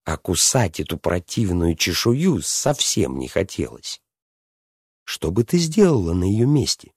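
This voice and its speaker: A man telling a fairy tale to a listener, lively and stopping to ask her questions. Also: sits low, a little slow, breathy edge, no room sound, studio quality. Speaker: storyteller.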